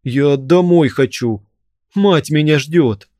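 A man's voice: fairly high pitch, takes it slowly, a little mellow, no room sound, clean studio sound, voice pushed up. A man doing a frightened pleading young man. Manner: pleading, timid.

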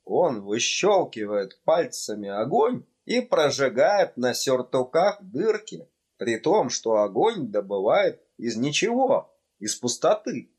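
A man's voice: medium pitch, darkish tone, breathy edge, exaggerated voice. A male reader voicing a jovial registrar in a storybook, hearty and emphatic. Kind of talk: audiobook character voice.

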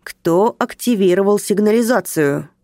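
A woman's voice: medium pitch, expressive, a little slow, warm tone, no room sound, clean studio sound. A woman voicing a short, round, middle-aged male security guard who talks in an officious, barking way.

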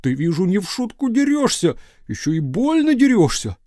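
A man's voice: high voice, big pitch swings, moderate pace, mellow, dry recording, studio quality, pitched above the performer's own voice. A man voicing a sly, grumbling older village man who mutters to himself. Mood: wheedling. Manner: muttering to himself, wheedling and resentful.

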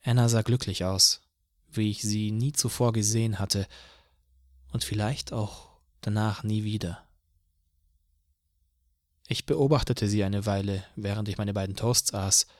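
A man reading an audiobook in the first person, in a calm, measured way. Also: lowish voice, dry recording, studio quality. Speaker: audiobook narrator. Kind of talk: scripted audiobook narration.

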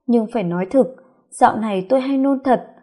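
A woman's voice: fairly high pitch, fairly quick, warm tone, slightly rough. A woman narrating a first-person audio story in a confiding, reflective way.

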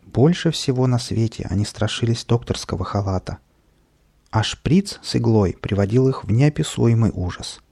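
A man narrating a children's audiobook in an expressive storytelling manner. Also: mid-range voice, normal speed, gravelly, slightly rough.

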